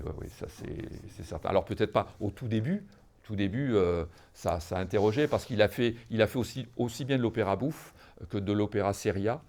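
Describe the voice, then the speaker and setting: On a music history podcast, a man lectures his listeners in a teacherly manner, speaking to them directly but hesitating, using fillers and restarting a lot. His voice is on the low side and a little mellow.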